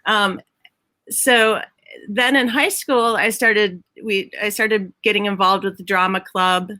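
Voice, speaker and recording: Bright-voiced Minnesotan woman chatting. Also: medium pitch, fairly even intonation, slow pace, no room sound. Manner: chatty, laughs often, restarts sentences. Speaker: guest, Broadway head of props. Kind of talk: casual interview chat. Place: her home.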